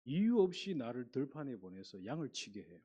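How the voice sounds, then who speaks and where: A male pastor in an animated sermon reads scripture aloud and asks questions of the congregation. His mid-range voice is brisk with a breathy edge.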